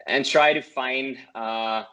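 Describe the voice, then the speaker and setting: Speaking slowly in a mid-range voice with fairly even intonation, this German-accented non-native English speaker sounds sharp and clean, though the highs are cut off. As a course student guesting on a casual call interview, he earnestly offers tips, repeats words, and frequently ends points with "right?"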